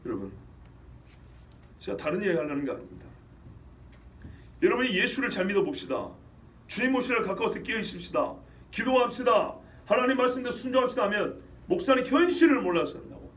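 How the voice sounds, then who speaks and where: Guy pastor preaching, really high voice, sounds kinda far off from the mic, gets loud then drops low. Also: big pitch swings, fairly quick, pauses often. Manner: emphatic, rhetorical questions, swings between loud outbursts and low asides. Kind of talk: sermon. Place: church sanctuary.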